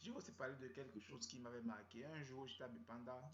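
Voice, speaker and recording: With a mid-range voice and a quick delivery, a man with a Cameroonian French accent tells a comic story as a comedian, rambling, slangy and repetitive. The recording is roomy and dull, lo-fi, with a little hiss or hum.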